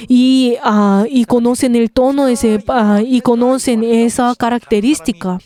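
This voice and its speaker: Halting woman interpreting a sermon. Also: on the high side, steady tone, mellow. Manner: halting, with many pauses and restarts.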